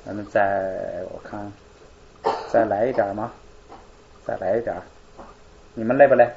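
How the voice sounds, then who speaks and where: A man's voice: on the low side, steady tone, unhurried, gravelly, highs cut off, background noise. A male teacher explaining grammar in a live class, asking questions and answering them himself.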